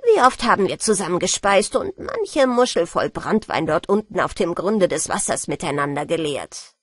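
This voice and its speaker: A woman's voice: fairly low pitch, very animated, normal speed, a little hiss or hum. Woman reading as a sly old merman. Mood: sly, hearty. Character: old male merman, sly, hearty, fond of brandy.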